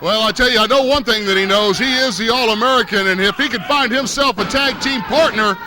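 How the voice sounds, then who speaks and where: A man's voice: high-pitched, brisk. A man doing live play-by-play commentary for a wrestling match in an arena, folksy and hesitant with frequent fillers. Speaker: play-by-play announcer. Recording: noisy arena recording.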